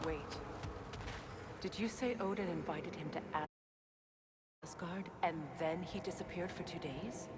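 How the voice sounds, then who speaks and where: An actress playing a wistful middle-aged goddess and mother who speaks in a measured, reflective way. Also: on the low side, natural voice. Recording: game audio with background noise.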